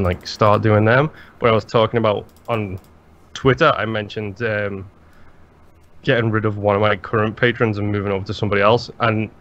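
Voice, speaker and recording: A man co-hosting a podcast in casual chat, rambling and animated, swearing freely. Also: lowish voice. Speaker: podcast co-host. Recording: slightly dull lo-fi sound.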